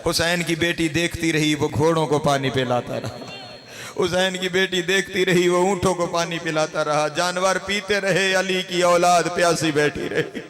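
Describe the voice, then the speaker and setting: A man's voice: a little high, steady tone, normal speed, a bit bright. A man with a Pakistani Urdu accent reciting a mourning sermon, lamenting and rising to wailing cries. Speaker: Shia cleric reciting a majlis.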